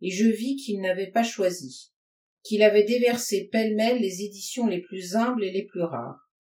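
Une femme lit à voix haute un récit littéraire à la première personne, d'un ton posé et expressif. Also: female voice, medium pitch, moderate pace, mellow. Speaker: audiobook reader. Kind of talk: literary narration read aloud. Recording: roomy sound from a distance.

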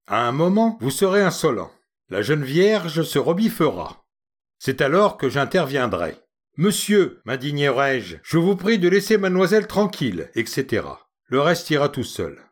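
A man's voice: on the high side, very animated, moderate pace. A man voicing a pale, sad, timid young man who speaks in a formal, slightly pompous way. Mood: earnest, scheming.

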